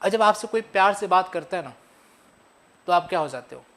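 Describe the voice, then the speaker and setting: A man's voice: high voice, animated, brisk, fairly bright tone. A young man giving a playful physics revision lecture, often asking his students questions and answering them himself. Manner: playful, calls students buddy and kids. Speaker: physics teacher.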